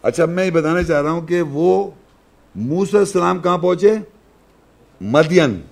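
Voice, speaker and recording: A man with a fairly high voice teaches a scripture lesson, walking his listeners through each verse. He speaks in a chatty, explaining way, often posing questions and answering them himself. Now and then he slows down to chant a verse. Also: gravelly. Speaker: religious teacher.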